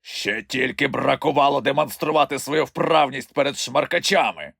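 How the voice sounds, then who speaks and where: A haughty, menacing antlion who sneers and growls threats, played by a man. His delivery is lively, rising and falling, and the sound is close and dry. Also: medium pitch, slow, gravelly, breathy edge, no echo, pitched above the performer's own voice, full character voice. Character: fierce boastful male antlion, menacing. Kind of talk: audiobook character voice.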